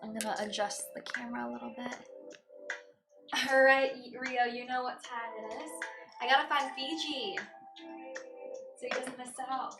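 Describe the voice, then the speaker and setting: A woman's voice: on the high side, steady tone, normal speed, long pauses. A woman livestreaming in a casual, chatty way, cooing and doting as she talks to her cats. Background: faint background music.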